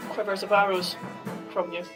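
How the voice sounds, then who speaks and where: A woman's voice: mid-range voice, flat delivery, moderate pace, fairly bright tone, faint music behind. A woman chatting casually as a player in a tabletop game.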